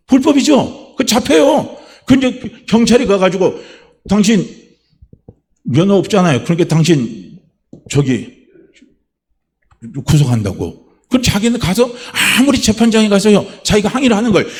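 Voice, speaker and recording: A middle-aged male pastor delivers a sermon with a fairly high voice that swoops up and down with lively emphasis. He keeps asking the congregation questions and answers them himself. He also slips into the voices of the people he quotes. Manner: animated preaching with rhetorical questions to the congregation; acts out quoted voices in a raised tone.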